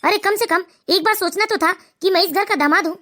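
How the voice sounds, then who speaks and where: A smug, sleazy son-in-law in a cartoon, voiced by a woman. He talks quickly in a very high voice and mocks others with open scorn. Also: bright, forceful tone, soft background music. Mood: self-righteous. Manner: smug, mocking. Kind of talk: cartoon voice acting.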